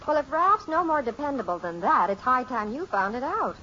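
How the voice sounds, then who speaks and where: An actress playing a brisk, practical, easily exasperated suburban mother in a 1950s radio sitcom. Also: high voice, big pitch swings, pushed and bright, heavily acted. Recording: muffled, noisy old 1950s radio recording.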